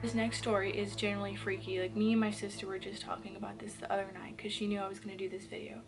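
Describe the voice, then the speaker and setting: A woman's voice: mid-range voice, flat delivery, quick pace, over music. A woman vlogger telling creepy stories in a casual, rambling way, full of fillers and swearing, acting out what people said. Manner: chatty, lots of "like" fillers, swears, acts out quotes. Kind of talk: casual storytelling to camera.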